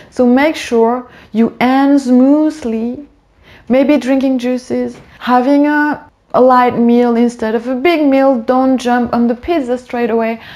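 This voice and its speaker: Woman wellness host, somewhat high voice, casual and direct to camera. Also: darkish tone. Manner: friendly, direct, addresses the viewer. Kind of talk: casual instructional monologue.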